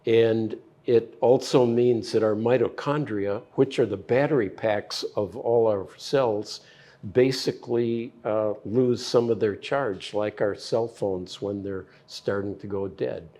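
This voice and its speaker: An older man, a physician, giving slow, measured explanations of health science with plain analogies in an interview. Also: on the low side, fairly even intonation, warm tone. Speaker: physician guest.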